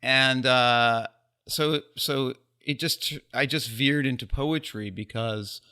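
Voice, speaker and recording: Here the American guest photographer has a medium-pitched voice, bright, forceful and smooth. In this informal interview he muses with wry, self-deprecating humor, his pauses filled by "ums."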